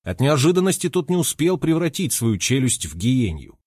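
A man reading a first-person audiobook in a lively, expressive way. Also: medium pitch, moderate pace, breathy edge, no room sound, studio quality. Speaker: audiobook narrator.

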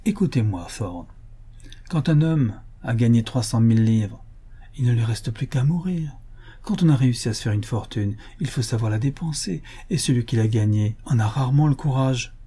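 A man voicing a sick, bitter, hard-drinking rich old builder in a gruff, raised voice that bursts out loudly. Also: medium pitch, animated, moderate pace.

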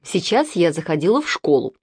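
A woman's voice: lowish voice, sing-song, fairly quick, darkish tone, husky, no echo, studio quality, heavily acted. A woman voicing a strict middle-aged aunt who scolds in curt, stern phrases.

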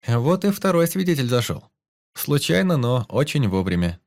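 A man with a medium-pitched, slightly mellow voice and big pitch swings, speaking at normal speed in a clean studio with no room sound. He's playing a cheery, coaxing doctor, pitching his voice above his natural one, and the mood is cheerful.

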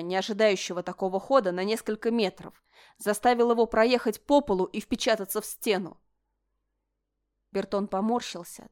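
A woman's voice: mid-range voice, darkish tone, clear, resonant tone. Woman narrating a story steadily. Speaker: audiobook narrator. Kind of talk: scripted narration.

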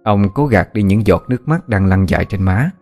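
Low-voiced male story narrator. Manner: steady, measured storytelling. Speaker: audiobook narrator. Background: soft background music.

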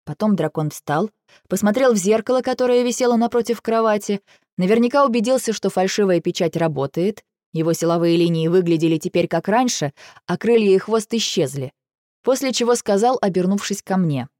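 A woman narrates a first-person fantasy audiobook with even, measured storytelling. Her voice is mellow and warm-toned at a middle pitch. The recording is dry and close-miked. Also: no echo.

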